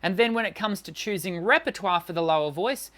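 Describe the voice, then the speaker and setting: This middle-aged male voice teacher, a tenor, speaks a little fast in a high, bright, forceful, expressive voice. He encourages viewers as he answers their live-stream questions, with frequent fillers and restarts.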